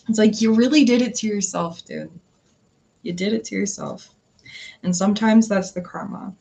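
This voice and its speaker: A woman with a mid-range, creaky, dark-toned voice hosts a tarot livestream, speaking at a measured pace with long pauses. As a tarot reader, she chats casually with viewers, giggling often and rambling with restarts and filler words.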